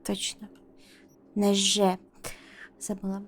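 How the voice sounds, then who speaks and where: A woman's voice: medium pitch, monotone, takes it slowly. A young woman casually commenting on a game she is streaming, playful and crude, muttering to herself. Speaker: streamer playing a video game.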